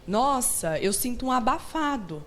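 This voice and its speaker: This woman's voice is higher and animated yet a little slow, with a fairly bright tone and slight background noise. A hearing therapist with a Brazilian Portuguese accent, she's a TV studio guest giving patient, explanatory interview answers and frequently adding "né?" to her sentences.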